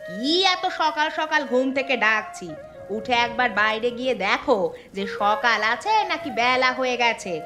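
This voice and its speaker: A woman's voice: fairly high pitch, normal speed, music in the background, lightly acted. A woman voicing a fussing, scolding middle-aged wife and mother in a dubbed cartoon. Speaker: cartoon voice actor. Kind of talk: cartoon dubbing.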